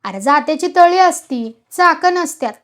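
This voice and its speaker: A woman voicing a hot-tempered old village man with a shrill, shouting voice. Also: expressive, normal speed. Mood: agitated.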